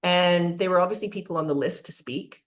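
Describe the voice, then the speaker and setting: A woman's voice: fairly low pitch, a little fast. A woman, giving an informal, earnest talk on leadership with chatty asides. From Canada (born in South Africa). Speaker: leadership speaker.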